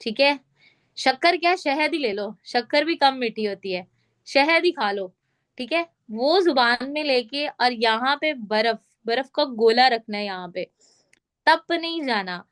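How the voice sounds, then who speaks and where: High-voiced woman coaching sales calls. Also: lively intonation, unhurried, a bit bright. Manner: instructive, repeats check questions. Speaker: sales trainer. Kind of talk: online training session. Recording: call audio.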